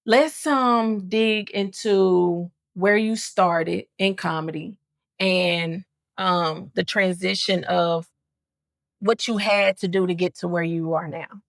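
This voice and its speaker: A woman's voice: on the low side, fairly even intonation, slow pace, gravelly, dry recording. A woman hosting a casual interview, hyped and encouraging, talking in a slangy way. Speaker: host.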